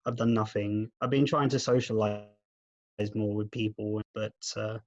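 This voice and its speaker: A man on a group video call, his audio glitching and cutting out over a weak connection, talking in a halting, candid way. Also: on the low side, fairly even intonation, no room sound, highs cut off. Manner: halting and candid, with frequent restarts. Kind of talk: casual video call check-in.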